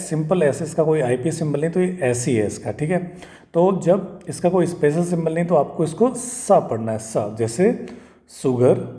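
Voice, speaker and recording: A man teaches English pronunciation in a casual video lesson, repeating sounds and frequently checking in with "okay" and "right." His voice is a little high with a dark tone.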